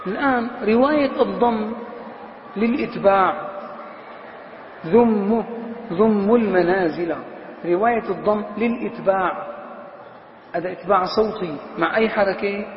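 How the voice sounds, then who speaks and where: A man teaching a grammar lesson to a class. He drags out example words slowly, chants lines of verse and puts questions to his students. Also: high voice. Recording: echoey hall, slightly dull sound, faint noise.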